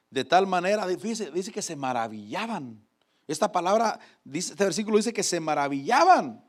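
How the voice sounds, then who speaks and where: In a fervent sermon, a man with a high-pitched voice has the congregation repeat after him. He alternates between soft asides and loud exhortation.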